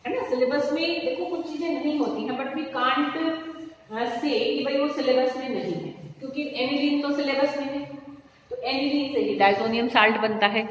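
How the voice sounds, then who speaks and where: A woman's voice: high-pitched, moderate pace. A woman chemistry teacher giving a lecture, explaining step by step and checking in her students. She speaks in. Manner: explains step by step, checks in with frequent "okay" and "see, dear". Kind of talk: classroom lecture. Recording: echoey room with long reverb, faint noise.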